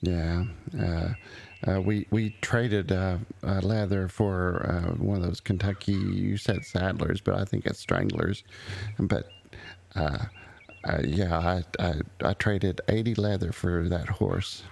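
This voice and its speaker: A man in character in a roleplay game, talking slowly and haltingly with many ums. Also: deep voice, vocal fry, a little mellow, slight background noise. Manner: halting, full of uh and um. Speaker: roleplay streamer playing an old relative.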